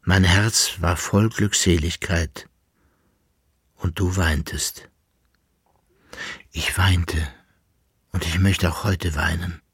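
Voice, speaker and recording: A man's voice: deep voice, steady tone, slow pace, long pauses, breathy edge, no room sound, studio quality, exaggerated voice. A man voicing a grave, lovesick emperor in a literary audiobook, with earnest, tender declamation. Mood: longing. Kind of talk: audiobook reading.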